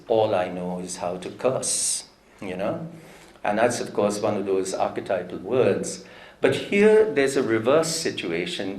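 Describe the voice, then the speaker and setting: Giving a public lecture, a man tells a story reflectively and anecdotally, quoting others in his own voice, which is on the low side.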